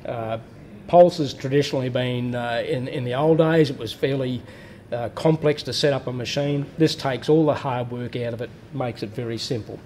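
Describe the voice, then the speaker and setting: Speaking at normal speed, a man with a medium-pitched, darkish voice walks through a welding machine step by step in his workshop. The hands-on technical explanation is plain-spoken, with fillers and restarts, and carries a little hiss or hum.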